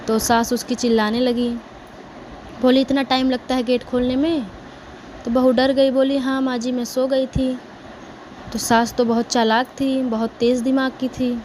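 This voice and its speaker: High, even-toned woman telling a devotional tale. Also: slight background noise, rough recording. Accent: Awadhi-tinged Hindi. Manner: plain, simple narration. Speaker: storyteller. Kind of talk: devotional folk storytelling.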